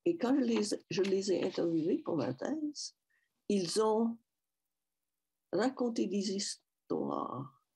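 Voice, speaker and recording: The recording is rough: an older woman from Saskatchewan with a western Canadian Métis French accent speaks through a headset mic on a video call from a small room in her home. Her warm, husky voice sits at medium pitch with big pitch swings. She is a guest speaker giving a personal talk at a public event, slow and reflective, often restarting and repeating.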